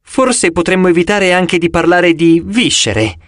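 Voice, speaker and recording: A man's voice: sits high, animated, measured pace, a bit bright, no room sound, clean studio sound. A man voicing a nervous young satyr who talks in a hesitant, slightly awkward way, in an audiobook.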